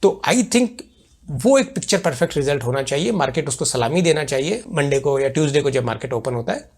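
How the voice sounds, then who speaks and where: Higher-voiced man explaining stock markets. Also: lively intonation, fairly quick, a little mellow. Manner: explanatory, uses everyday analogies; conversational, thinks aloud with fillers. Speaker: market analyst host. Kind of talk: weekly stock market analysis talk.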